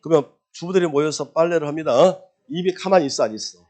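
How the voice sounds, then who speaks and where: A man's voice: on the high side, fast talker, a little mellow. A man teaching a real estate law exam-prep lecture, firing rhetorical questions at the class, answering them himself, and repeating key terms in a singsong drill.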